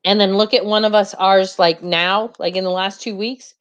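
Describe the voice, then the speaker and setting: A woman's voice: medium pitch, steady tone, normal speed, clear, resonant tone. Chatty woman in her forties, lo-fi. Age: 40s. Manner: joking, chatty, reads comments aloud. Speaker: co-host of live show. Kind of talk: casual live stream chat.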